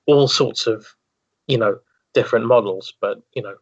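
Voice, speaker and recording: As a guest on a podcast, a man chats casually in a wordy, thoughtful way, often repeating words as he thinks. His voice is on the low side at a moderate pace, and the recording has a dull lo-fi sound.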